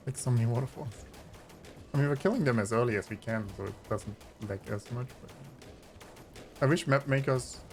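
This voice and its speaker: A man giving casual gameplay commentary, thinking aloud with hesitant pauses. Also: medium pitch. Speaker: gamer commentating on own play. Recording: faint game music behind voice. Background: video game music and unit voices.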